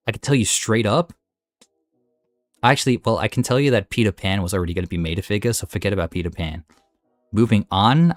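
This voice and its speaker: A man with a fairly low voice chats through a tier-list ranking in a casual, opinionated way, often getting excited. The sound is close and dry, with faint music behind him. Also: no echo. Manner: enthusiastic, opinionated and chatty. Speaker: gaming video host.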